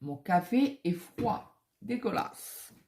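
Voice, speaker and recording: Gravelly low-voiced woman rambling. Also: lively intonation, measured pace, mellow. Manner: rambling anecdotal storytelling with many fillers. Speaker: cross-stitch vlogger. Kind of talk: casual chat while stitching. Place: home office.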